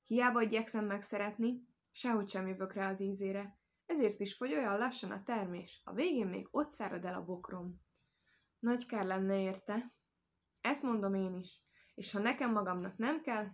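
A woman voicing a cunning, scheming male fox in a storybook tale, speaking in a smooth, coaxing way. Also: medium pitch, lightly acted. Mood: sly coaxing.

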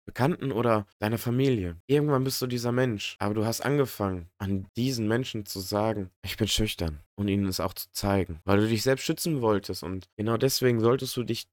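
A man's voice: mid-range voice, no room sound, studio quality. A man in a motivational monologue who speaks earnestly and directly to the listener. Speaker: podcast host.

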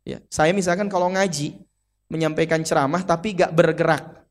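A man with a Sundanese accent preaching a lively, playful sermon to women at a mosque. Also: a little high, moderate pace. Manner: lively and playful, acts out quotes and mimics.

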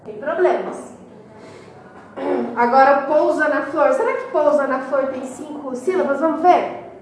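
Counting syllables out loud, a schoolteacher explains her lesson one step at a time. She speaks high-pitched and a little slowly, picked up by a distant mic in an echoey room with a bit of hiss or hum.

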